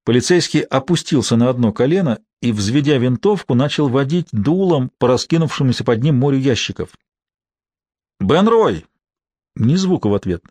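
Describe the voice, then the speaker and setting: A man narrating a thriller audiobook in a measured, steady way. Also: mid-range voice, no room sound, studio quality.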